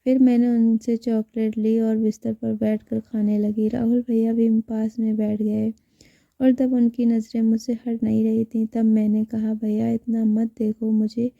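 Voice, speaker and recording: A woman narrating a scripted story in a calm, even manner, in a dull, muffled recording. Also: fairly high pitch, unhurried, vocal fry, no echo.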